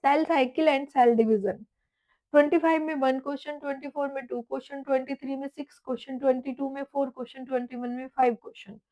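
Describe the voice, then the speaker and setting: A woman's voice: sits high, little pitch movement, fast talker, hardly any pauses, dark tone, poor audio. A woman teaching an exam-prep biology lesson, listing topics and past question counts and calling her students "beta".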